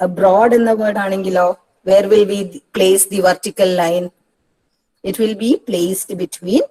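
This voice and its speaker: A woman's voice: on the low side, dark tone, low-quality recording. A woman with a Malayali accent teaching English pronunciation for an exam, explaining step by step and repeating key words. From Kerala, India. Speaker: English tutor. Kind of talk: exam-prep lecture mixing Malayalam and English.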